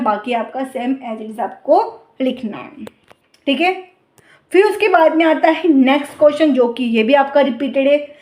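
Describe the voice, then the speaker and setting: A woman's voice: high-pitched, a little mellow, reverberant. A woman tutor going through exam questions step by step, often asking a question and then answering it herself. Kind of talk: exam-prep lesson.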